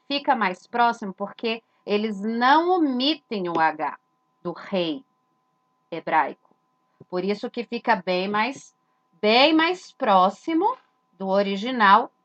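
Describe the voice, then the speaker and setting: A woman's voice: mid-range voice, fairly bright tone, dull audio. A woman, giving an explanatory lesson that points at letters and poses rhetorical questions she answers herself. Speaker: religious teacher.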